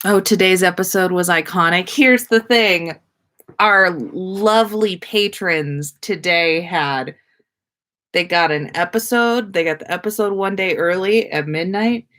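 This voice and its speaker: Speaking at a measured pace in a lowish, fairly bright voice, a woman hosts a casual livestream. The podcast host reads her viewers' comments aloud and chats back in a slangy, informal way with some mild cursing.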